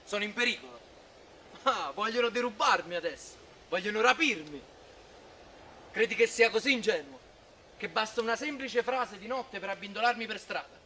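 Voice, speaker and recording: A high-voiced, edgy young man, played by an actor in a short film. He is nervous and quick to anger, talking outdoors at night against a faint hiss of background noise. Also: expressive, bright, forceful tone. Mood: suspicious.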